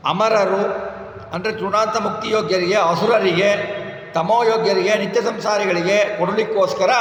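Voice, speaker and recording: A man's voice: high voice, a bit bright. Man giving a religious discourse in an echoey hall. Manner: explains with rhetorical questions, chants scripture. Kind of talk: devotional discourse with chanted verses. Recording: echoey hall with faint noise.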